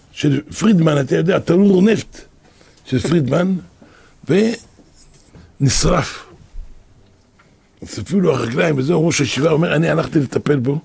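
A man's voice: a little high, creaky, darkish tone, breathy edge, no room sound. A man, a rabbi, telling stories in a sermon, repeating phrases for emphasis and acting out what people said. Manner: repeats phrases for emphasis, acts out quoted speech. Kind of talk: storytelling sermon.

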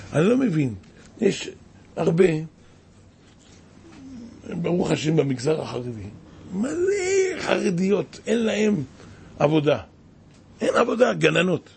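A man's voice: on the high side, expressive, vocal fry, pauses often, a little mellow, slight background noise. A man preaching a sermon as a rabbi, impassioned and exclaiming, with many rhetorical questions.

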